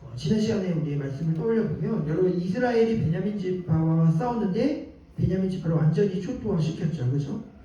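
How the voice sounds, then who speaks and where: A man's voice: sits high, lively intonation, brisk, warm tone. A man preaching a sermon to a young adults' group in a conversational way, often turning to the congregation with questions. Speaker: pastor. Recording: echoey hall, distant mic, dull lo-fi.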